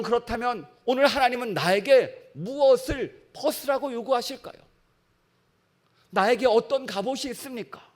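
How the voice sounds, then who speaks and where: A male pastor preaching a sermon in a church, emphatic and full of rhetorical questions to the congregation. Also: very high-pitched.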